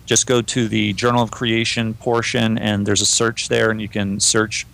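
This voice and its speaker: A man co-hosting a podcast, chatting in a relaxed way and reading listener emails aloud. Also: on the low side, moderate pace, gravelly. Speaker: podcast co-host. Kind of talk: casual podcast discussion.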